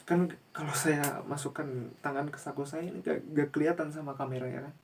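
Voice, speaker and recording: A man's voice: medium pitch, a little mellow. A young man talks through a class presentation with little rise and fall in his voice. His delivery is casual and explanatory, full of fillers and restarts. He is recorded indoors on a camera microphone. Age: young adult. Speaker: university student presenter.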